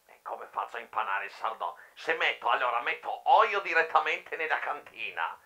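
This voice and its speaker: A man playing a boastful, vengeful older woman who phones in to a TV show, speaking Triestine dialect loudly and showily. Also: medium pitch, sing-song, normal speed, gravelly, exaggerated voice. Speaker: TV show caller. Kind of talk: comic call-in sketch.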